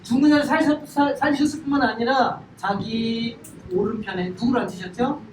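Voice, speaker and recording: Middle-aged male Bible teacher, animated and interactive with the class; recorded from a distance in a roomy hall. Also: very high-pitched, a little fast. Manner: animated, questions the class and acts out everyday sayings. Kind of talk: Bible study lecture with audience questions. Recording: echoey room, distant mic, clear background noise.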